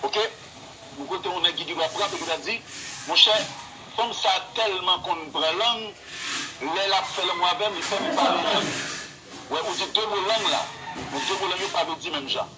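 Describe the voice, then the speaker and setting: High-voiced Haitian man teaching rap wordplay. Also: normal speed, heavy background noise. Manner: explains with examples, frequent fillers like yo and moi. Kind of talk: live-streamed lesson on rap wordplay.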